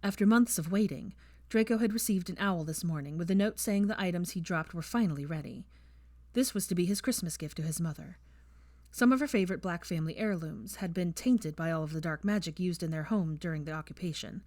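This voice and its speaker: Reading fan fiction aloud for an audiobook, a fairly low-voiced woman holds a steady, measured pace. There's no room echo in the close, dry recording, and she walks listeners through every scene.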